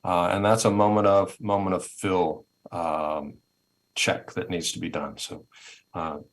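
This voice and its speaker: A man with a low, deep voice presents on a webinar over a video call. He speaks conversationally and thoughtfully, circling back and repeating words as he works toward each point. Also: little pitch movement, unhurried. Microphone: video call headset or laptop mic.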